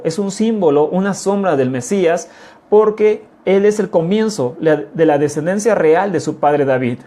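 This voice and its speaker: This congregation teacher, a man from Mexico with a mellow, rather high voice, delivers a sermon slowly and deliberately. Rhetorical questions and repeated key phrases run through it, and he keeps addressing listeners as "amados."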